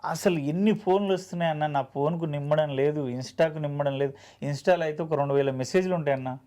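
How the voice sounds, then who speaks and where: A man's voice: on the high side, fairly quick, dark tone. A man, an actor telling his story earnestly and emotionally in an interview, often acting out dialogue.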